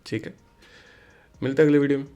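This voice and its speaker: A man's voice: medium pitch, fast talker, faint music behind. A man who is a psychologist hosting a reaction video, speaking casually and switching between Hindi and English. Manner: relaxed, mixes Hindi and English. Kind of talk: casual commentary.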